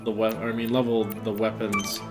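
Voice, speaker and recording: A man's voice: on the low side, monotone, brisk. A man giving casual, rambling commentary as he plays a video game. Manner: offhand, rambling. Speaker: gameplay commentator. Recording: game music behind the voice.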